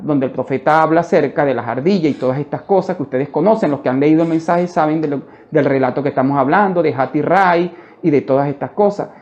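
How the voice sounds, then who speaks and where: A man's voice: fairly high pitch, a little mellow, muffled recording. A man preaching a testimony sermon in a fervent way, often addressing listeners as brother.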